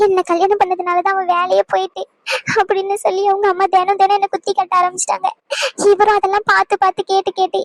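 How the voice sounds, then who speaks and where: A woman voicing a tearful young wife in an animated drama, pleading in a crying voice. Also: very high-pitched, no echo.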